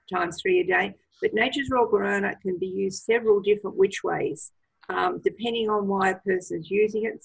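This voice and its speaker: Woman, gravelly, husky, enthusiastic product advice, video call. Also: medium pitch, low-quality recording. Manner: enthusiastic, gives advice with many fillers. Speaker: product trainer. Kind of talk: casual presentation on a video call.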